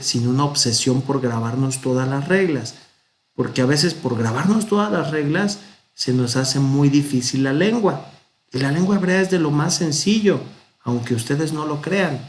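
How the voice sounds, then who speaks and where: Slow, patient Mexican man teaching. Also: medium pitch, slight background noise. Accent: Mexican Spanish. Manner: patient, explains step by step, pronounces examples slowly. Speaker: Hebrew teacher. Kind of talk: unhurried grammar lesson.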